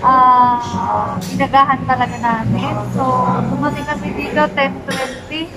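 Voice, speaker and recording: A woman's voice: high-pitched, little pitch movement, unhurried, over loud music, rough recording. A young woman hosting a casual vlog, chatty with sing-song greetings and frequent laughter, recorded while out commuting. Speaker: vlogger host. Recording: phone vlog with vehicle noise.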